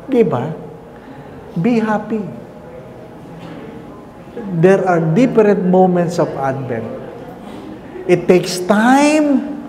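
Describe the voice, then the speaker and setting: A male priest tells stories in a playful homily and slips into English, then leads a prayer. His high voice swings widely in pitch. It rings through a chapel with a long echo and steady noise behind it. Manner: storytelling, playful, switching into English. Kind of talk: humorous homily and closing prayer. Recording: echoey chapel with background noise.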